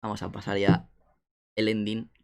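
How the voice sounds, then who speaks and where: Young asturian guy from spain, laid-back livestream chatter, joky, lowish voice. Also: completely flat delivery, moderate pace, gravelly. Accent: Asturian Spanish. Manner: chatty, reads chat messages aloud, jokey. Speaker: streamer. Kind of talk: casual live stream chat.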